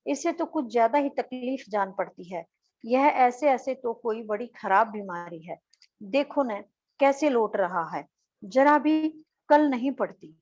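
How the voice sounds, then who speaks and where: A woman's voice: a little high, lively intonation, measured pace, darkish tone, lo-fi sound. A woman teacher reads out the lines of a worried, tender mother of a sick boy. She soothes her son and pleads with her husband.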